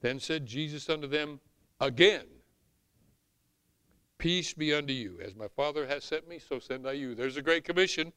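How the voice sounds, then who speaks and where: A middle-aged or older man with a Southern US accent preaching an animated sermon in an emphatic, folksy way. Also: on the high side, normal speed, long pauses, clear, resonant tone, no echo. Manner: emphatic, folksy, swinging from hushed asides to shouts. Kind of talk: animated sermon with scripture reading.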